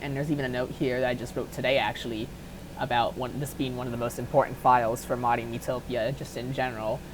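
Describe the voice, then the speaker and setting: A woman with an extremely low voice delivers her words flatly and quickly, with background noise behind her. She hosts a casual, unscripted tutorial on software modding, talking offhandedly and working things out aloud.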